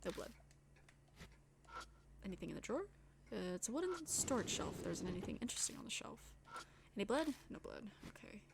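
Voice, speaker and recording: A woman's voice: mid-range voice, big pitch swings, fast, gravelly, noisy background. A woman streamer reading visual novel text aloud with casual, slangy asides. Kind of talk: let's-play reading game text aloud. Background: game music.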